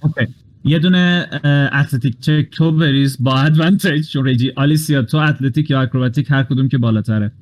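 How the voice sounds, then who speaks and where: A man's voice: mid-range voice, darkish tone. A man running a tabletop game as game master, walking the players through the rules step by step and dropping English game terms into his speech.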